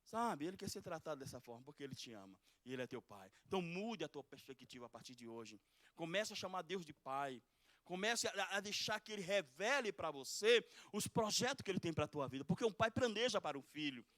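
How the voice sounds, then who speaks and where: A middle-aged pastor from Pernambuco, preaching a fervent sermon that swings from loud exhortation to soft pleading. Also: male voice, a little high, big pitch swings, fairly quick, dry recording. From Pernambuco, Brazil. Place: church sanctuary.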